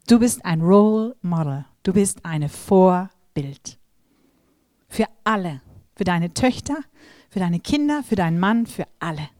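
A middle-aged woman preaching a sermon to a women's gathering, telling lively stories and speaking directly to her listeners. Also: fairly low pitch, measured pace, no room sound, clean studio sound. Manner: lively storytelling, acts out quoted voices, addresses audience directly.

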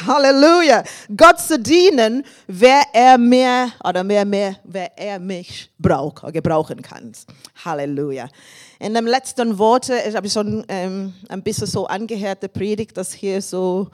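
An English-accented woman in her fifties delivers a sermon in her second language. She speaks with grateful warmth, breaks into laughter and calls out praise. Her pitch sits in an ordinary middle range for a woman. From England. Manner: warm and thankful, with frequent laughs and praise shouts. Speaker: guest preacher. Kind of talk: sermon with personal testimony.

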